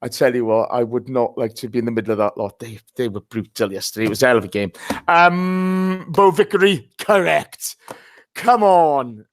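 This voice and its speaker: A hungover man hosts a casual live football show in a blunt, matey manner. His voice is mid-pitched and recorded close and dry, with very little room sound. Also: normal speed, no echo.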